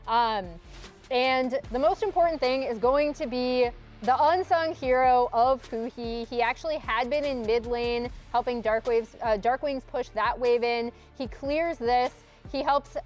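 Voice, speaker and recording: Female desk analyst, explanatory replay breakdown, higher voice, music under. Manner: explanatory, walks through replay. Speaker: esports analyst.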